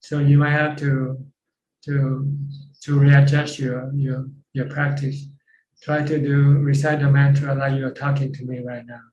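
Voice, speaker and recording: A monk speaks in a flat, level tone with a dark, mellow voice. He explains simply and repeats phrases as he answers. The call audio is roomy and dull. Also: mid-range voice, unhurried. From Thailand. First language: Thai. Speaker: Buddhist monk teacher. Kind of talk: dharma Q&A talk. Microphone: video call.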